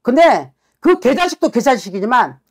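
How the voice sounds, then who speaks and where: A woman's voice: on the high side, big pitch swings, moderate pace, darkish tone, breathy edge. A woman shaman harshly scolding a client during a consultation. She swears as she berates, and keeps demanding answers. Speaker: shaman fortune teller.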